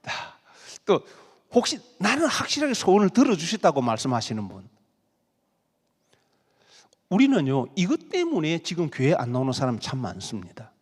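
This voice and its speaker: A man's voice: a little high, huge pitch swings, moderate pace, long pauses, slightly rough, in a large hall. A male pastor preaching a sermon, acting out pleading prayers in dramatic voices.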